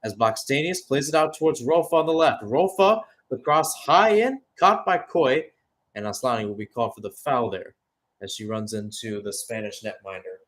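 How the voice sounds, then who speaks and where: Calling a football game live in radio fashion, a man speaks at medium pitch and normal speed, his tone animated and fairly bright. He thinks aloud conversationally in the gaps between bursts of play-by-play.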